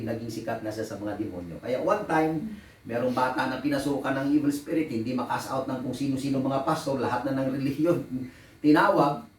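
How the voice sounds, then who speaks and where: A man's voice: mid-range voice, a little mellow, a little hiss or hum. A man preaching a sermon as pastor, telling stories and mixing Tagalog and English, often laughing at his own anecdotes. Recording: echoey room, voice from a distance.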